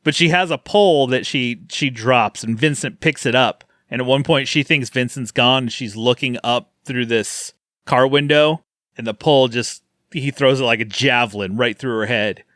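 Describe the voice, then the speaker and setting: Male podcast host, mid-pitched, animated and jokey, close dry mic. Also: normal speed, no echo. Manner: animated, laughs often, acts out quotes from scenes. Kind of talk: casual chat reviewing horror films.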